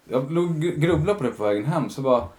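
A man's voice: a little high, lively intonation, darkish tone. A man, a podcast guest, telling his own story in a candid, reflective way, often retelling conversations with lots of fillers.

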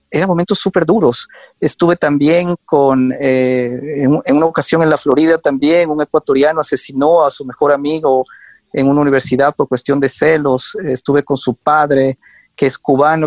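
A man's voice: fairly high pitch, darkish tone, no echo. A man guest telling earnest stories in an interview, with frequent hesitations and restarts. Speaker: guest, documentary show maker. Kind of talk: conversational storytelling.

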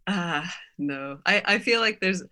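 A woman's voice: on the low side, animated, measured pace, sharp tone. Hesitant young woman, podcast guest. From Finland. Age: 20s. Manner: hesitant and self-doubting, laughs lightly. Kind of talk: casual chat.

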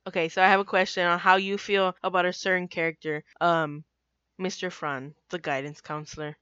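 Bright, animated young woman chatting. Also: on the low side, fairly quick, smooth, no room sound. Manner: animated, swearing, acts out quotes. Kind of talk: casual chat about a cartoon. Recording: dry, dull lo-fi sound.

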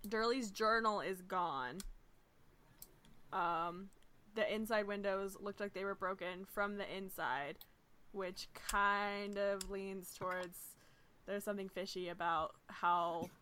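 A woman's voice: mid-range voice, takes it slowly, sharp tone. Woman player, casual, profane. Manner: casual, profane, thinking aloud with ums. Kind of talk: casual chat at a tabletop game.

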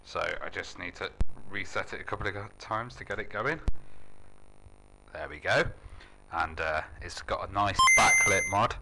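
A man's voice: low voice, moderate pace, vocal fry, noisy background. A man hosting a DJ music show in casual, explanatory livestream chat, speaking into headphones used as a microphone.

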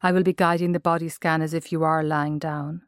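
With little pitch movement and a smooth, low voice, an Irish woman leads a mindfulness meditation in gentle, measured, instructive tones. There's no echo, and the audio is completely dry.

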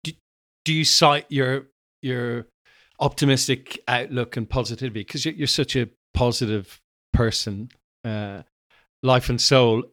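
Male podcast host: thoughtful, halting questioner, dry close mic. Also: mid-range voice, fairly bright tone, no room sound. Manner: thoughtful, stumbles and restarts his questions. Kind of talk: casual interview.

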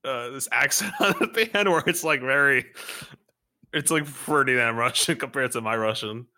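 A man's voice: mid-range voice, moderate pace, bright, forceful tone. A man co-hosting a casual podcast chat, telling stories and acting out dialogue. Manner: storytelling, acts out dialogue with "I'm like". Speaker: podcast co-host.

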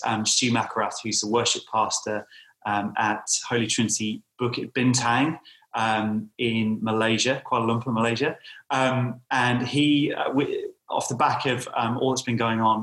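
A man's voice: mid-range voice, a bit bright. A man hosting a casual podcast chat, talking in a hesitant, loosely phrased way. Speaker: podcast host. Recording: echoey room sound.

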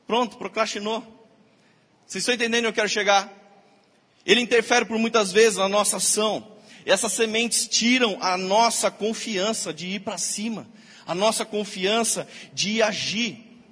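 High, bright-voiced pastor preaching. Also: male voice, moderate pace, breathy edge. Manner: lively preaching with acted-out quotes. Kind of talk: sermon. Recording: long hall reverb.

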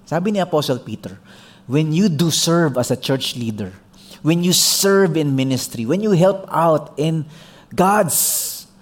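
A male Filipino pastor delivers a sermon in a storyteller's manner, slipping into English mid-sentence. His voice sits a bit high and swings widely in pitch as he acts out the people in his story. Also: takes it slowly. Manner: animated storyteller mixing English into Tagalog, acting out characters.

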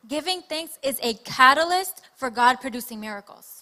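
A woman delivers a sermon in short, deliberate phrases, stopping after each one so it can be translated. Her voice is bright and sharp, sitting a little high. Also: lively intonation. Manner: reads scripture aloud, pausing for translation. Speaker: preacher. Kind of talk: sermon with interpreter.

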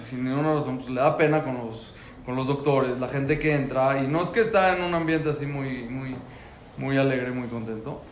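A man's voice: medium pitch, slight background noise. Earnest man telling a story in an echoey room. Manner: earnest, repeats words, many restarts. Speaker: father telling his story. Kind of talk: emotional personal storytelling.

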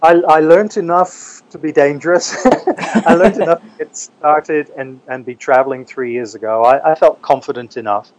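A man's voice: on the high side, normal speed, darkish tone, rough recording. A man from New Zealand talking casually as a guest in an interview. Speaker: interview guest, English teacher.

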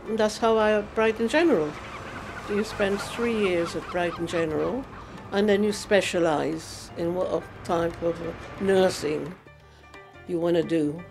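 A woman in her eighties from Guyana, chatting in an interview about her life, with easy laughs and halting restarts. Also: lowish voice, fairly even intonation, music in the background. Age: 80s. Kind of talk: casual reminiscing interview.

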